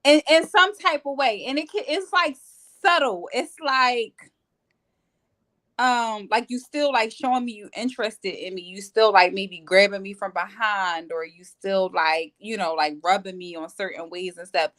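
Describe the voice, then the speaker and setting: Relaxed woman co-host, lots of "like". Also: medium pitch, a little slow. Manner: relaxed, filler-heavy with "like". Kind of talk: casual chat.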